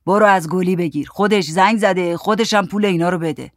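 Narrator playing a cranky sick old grandpa, storybook, loud and irritable. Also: male voice, high voice, no room sound, studio quality, close to an everyday voice. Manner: shouting, irritable.

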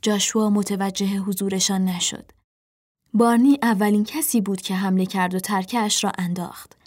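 A woman narrating a children's animal story in a soft, measured reading voice. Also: mid-range voice, steady tone.

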